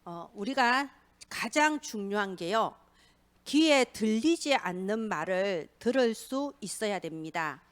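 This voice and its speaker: A woman's voice: medium pitch, lively intonation, slow. A woman pastor preaching a sermon in church, asking rhetorical questions and acting out quoted speech.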